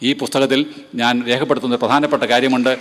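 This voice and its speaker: A man with a Malayali accent delivers a rapid lecture at a brisk pace. He speaks emphatically and keeps putting questions to his listeners. His voice carries the long reverb of a lecture hall. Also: medium pitch, level tone, a bit bright. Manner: emphatic, rhetorical questions to the audience. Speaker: guest lecturer. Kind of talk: lecture to seminary students.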